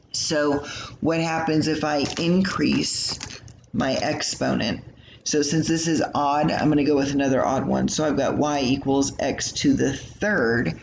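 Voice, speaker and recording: A man's voice: a little high, gravelly. A man teaching a recorded math lesson, explaining in a casual, chatty way with lots of fillers. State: yawning, tired. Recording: echoey room with faint hum.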